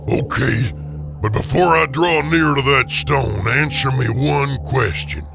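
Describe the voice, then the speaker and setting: A man's voice: mid-range voice, takes it slowly, creaky, music in the background. A man playing Scrooge, an overwrought old miser, in emphatic radio theater style. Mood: grave dread. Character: old miser Scrooge, pleading in terror, then giddily repentant.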